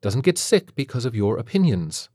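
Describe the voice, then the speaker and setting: A man's voice: medium pitch, very animated, normal speed, mellow, slightly rough, dry recording, clean studio sound, pitched above the performer's own voice. A man doing a prim, preachy schoolteacher woman. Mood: condescending. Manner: condescending, sugary, preachy. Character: prim passive-aggressive female kindergarten teacher. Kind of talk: audiobook character voice.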